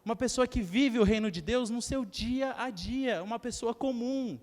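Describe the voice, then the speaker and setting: High-voiced young preacher in a reverberant church. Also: male voice, normal speed, a little mellow. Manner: storytelling with acted quotes and asides to the congregation. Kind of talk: sermon.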